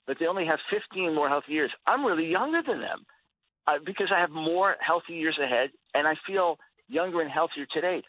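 A man in his sixties talking as a guest on a radio interview, earnest and emphatic, often repeating words as he starts a thought. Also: a little high. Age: 60s. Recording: tinny phone-line radio audio, dry.

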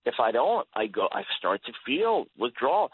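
A man's voice: mid-range voice, big pitch swings, normal speed, slight background noise. A man in his sixties talking as a guest on a radio interview, earnest and emphatic, often repeating words as he starts a thought. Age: 60s. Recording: tinny phone-line radio audio, dry.

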